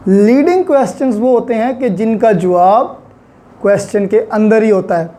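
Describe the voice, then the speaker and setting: A man with a Pakistani accent delivers an explanatory law lecture, his voice high-pitched yet dark in tone. He teaches in a didactic way, going back over his points and slipping in English terms.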